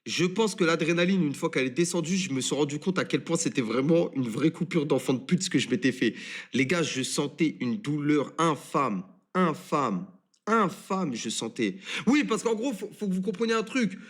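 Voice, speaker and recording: A man in his twenties, a streamer, telling a story on a live stream in an animated, crude and swearing manner. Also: a little high, fast talker, few pauses. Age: 20s.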